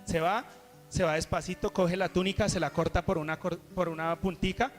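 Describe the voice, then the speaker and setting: A man's voice: high-pitched, fairly even intonation, normal speed. A man preaching a sermon, retelling a scripture story earnestly with frequent restarts. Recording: reverberant hall with soft guitar music.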